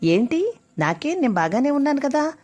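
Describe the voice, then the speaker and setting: A woman voicing a gentle middle-aged father and husband who speaks in a soothing, patient way. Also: high voice, sing-song, moderate pace, voice pushed up.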